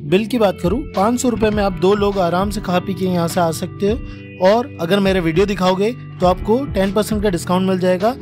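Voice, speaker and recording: A man's voice: sits high, fairly even intonation, music in the background. A young man with an Indori Hindi accent narrating a casual food vlog in a chatty, enthusiastic way. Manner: chatty, enthusiastic, listing items quickly. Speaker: food vlogger.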